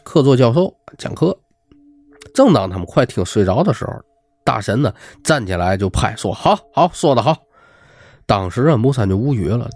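A man, telling a spooky true story in a chatty, animated way and acting out the quotes. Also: fairly low pitch, no echo. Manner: lively, chatty, acts out quotes. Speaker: storyteller host. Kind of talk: casual ghost-story narration.

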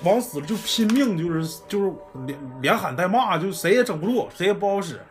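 A man's voice: high-pitched, lively intonation, brisk, soft background music. Northeastern Chinese man, blunt storyteller. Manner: blunt, swears freely, colloquial. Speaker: podcast storyteller. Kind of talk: casual storytelling chat.

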